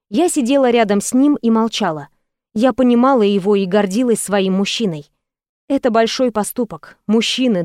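A woman narrating an audiobook in the first person with a steady, expressive reading. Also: on the high side, dry recording, studio quality.

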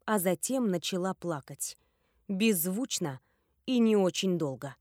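A woman reading a first-person fantasy audiobook in a steady, measured storytelling voice. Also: fairly low pitch, dry recording, studio quality. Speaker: audiobook reader.

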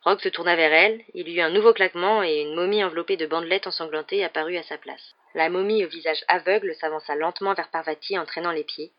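A woman reading a novel aloud in steady, clear storytelling, on a muffled lo-fi recording. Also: fairly low pitch, fast, few pauses. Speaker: audiobook reader.

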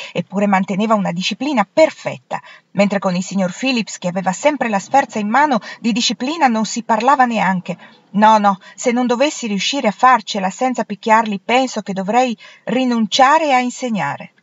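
A woman's voice: on the high side, moderate pace, dry recording, voice pushed up, natural voice. A woman voicing an earnest, idealistic young woman teacher who speaks in an impassioned, pleading way, in a storybook reading. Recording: dull lo-fi, dry.

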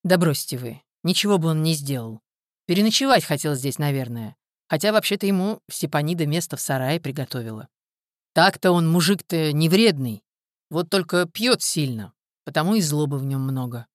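A woman voicing a calm, stern male village hunter in an audiobook, speaking in a gruff, level, commanding way. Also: deep voice, normal speed, no echo, clean studio sound. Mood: reassuring.

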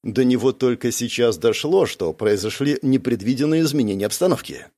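A man narrating a first-person fantasy audiobook in a calm but expressive way. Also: mid-range voice, a little fast.

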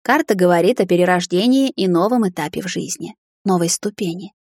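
A woman's voice: fairly low pitch, a little fast, darkish tone, no room sound. Woman voicing a protective middle-aged mother-in-law, tarot reader, kind, dry close sound. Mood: gentle.

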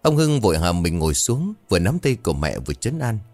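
A very deep male voice narrating a scripted ghost story, swinging widely in pitch as he builds dread. The sound is dry and close-miked, with faint music running underneath. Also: brisk, dry recording. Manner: dramatic, expressive storytelling.

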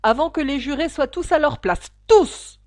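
A woman's voice: fairly high pitch, very animated, measured pace. A woman voicing a fussy, muddled storybook king who speaks with pompous emphasis.

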